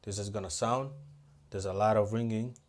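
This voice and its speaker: A man with a somewhat low voice walks viewers through a live audio setup. His talk is casual and hands-on, thinking aloud step by step as he tweaks the gear and calls his viewers "guys.". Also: steady tone, normal speed, a little mellow. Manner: talks straight to viewers as "guys". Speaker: audio-visual technician. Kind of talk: hands-on tutorial.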